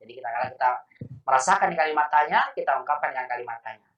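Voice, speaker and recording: A man's voice: mid-range voice, very fast. A man teaching a language class, patiently correcting students and explaining grammar. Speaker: Arabic teacher. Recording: echoey, distant, muffled.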